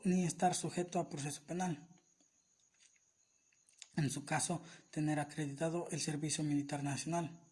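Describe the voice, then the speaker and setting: A man reading aloud a summary of a law in a formal, steady, list-like way. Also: a little high. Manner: steady, even, list-like delivery. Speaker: reader of a legal summary. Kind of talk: formal reading of legal text.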